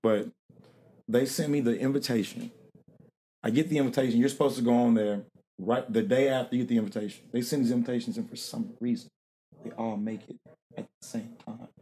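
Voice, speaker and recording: A man's voice: mid-range voice, fairly even intonation, a little fast, dark tone. A man being interviewed in a casual, rambling conversation, laughing often and restarting his sentences. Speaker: interview guest, rapper and producer.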